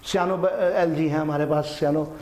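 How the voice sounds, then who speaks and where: High-voiced teacher lecturing in an echoey room. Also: male voice, steady tone, brisk, a little mellow. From Pakistan. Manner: repeats terms, checks in with "ठीक है"; mixes English terms into Urdu. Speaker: science teacher. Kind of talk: classroom biology lecture.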